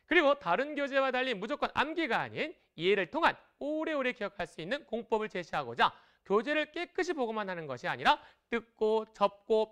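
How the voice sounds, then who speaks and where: A woman teaching Chinese in a broadcast lesson, lively and encouraging as she explains tones and patterns. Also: a little high.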